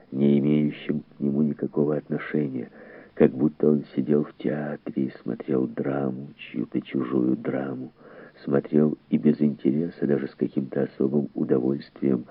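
A man reading a novel aloud in measured, dramatic scripted narration. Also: a bass voice, vocal fry, husky, no room sound. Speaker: audiobook narrator. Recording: tinny phone-like dry recording.

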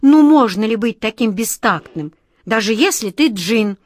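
A woman's voice: a little high, animated, unhurried, dry recording. Lady reading as a young wizard kid, firm and scolding, bossing someone around, dry close sound. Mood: stern. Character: young boy wizard, earnest and commanding. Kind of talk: audiobook reading.

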